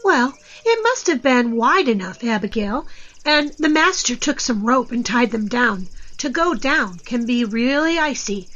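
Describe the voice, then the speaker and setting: A woman's voice: fairly high pitch, a bit bright. A woman storyteller narrating an adventure story for children. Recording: slightly dull, lo-fi recording.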